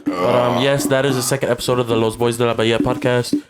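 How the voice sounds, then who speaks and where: A man's voice: mid-range voice, little pitch movement, fast talker. A young man with a Californian accent, co-hosting a podcast and wrapping up the episode in a matter-of-fact way. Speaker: podcast co-host. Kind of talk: casual chat and outro. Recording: noisy home podcast recording.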